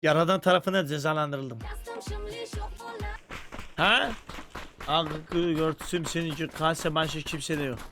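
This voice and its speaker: High-voiced foul-mouthed young male streamer. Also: measured pace, pauses often. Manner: profane, joking, swings into mock-angry shouting. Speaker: game streamer. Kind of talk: casual live-stream gaming commentary. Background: music.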